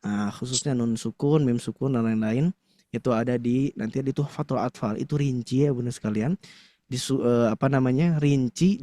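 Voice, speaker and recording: A man's voice: medium pitch, mellow, no room sound. A man teaching a Quran recitation class to a live audience, chatty and full of fillers, often stopping to quiz the room. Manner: conversational, filler-heavy with frequent "nah", quizzes the audience.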